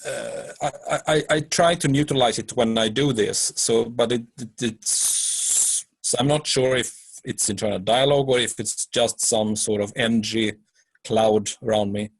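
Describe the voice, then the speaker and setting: Brief: a man with a husky voice in a dry, close recording, hesitant and halting as he asks a question. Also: medium pitch, fairly even intonation, dry recording. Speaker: audience member asking a question.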